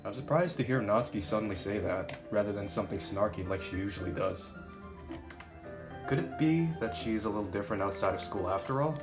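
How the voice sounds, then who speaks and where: Young man reading game narration, fast and low, guitar music clear behind.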